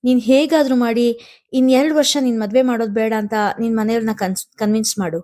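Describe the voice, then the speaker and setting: A woman's voice: fairly high pitch, fairly even intonation, a little fast, mellow, natural voice. A woman voicing a tender, torn young lover. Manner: affectionate, coaxing, torn. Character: young man, tender lover under family burden.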